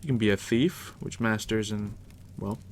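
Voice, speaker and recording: In this ASMR roleplay, the man acting as dungeon master barely rises above a whisper, his deep voice hushed and easygoing. He teases his new player drily while fire crackles steadily in the background.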